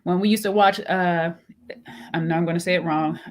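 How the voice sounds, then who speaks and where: A woman co-hosting a casual chat, animated and laughing often, acting out both sides of an argument. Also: fairly low pitch, moderate pace. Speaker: co-host.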